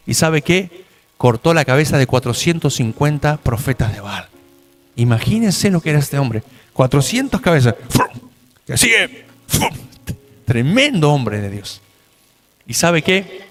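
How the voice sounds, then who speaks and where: Male pastor, high voice, dramatic sermon storyteller, faint music under. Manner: dramatic storytelling, rhetorical questions.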